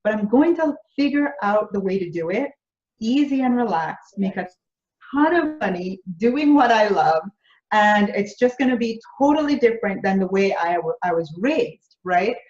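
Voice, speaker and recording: This business coach, a woman with a Jamaican accent, gives conversational answers as an interview guest, earnestly piling phrase on phrase. Her medium-pitched voice has a darkish tone, lively intonation and normal speed. A roomy echo surrounds her, and the audio is slightly dull and lo-fi.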